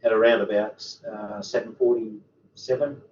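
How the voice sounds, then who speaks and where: With hiccups interrupting him, a male university lecturer fields students' questions at an online workshop, stumbling along with frequent ums and uhs in a fairly low, level, slightly mellow voice. Recorded over a video call on a computer mic, the sound is distant, roomy, dull, and faintly hissy.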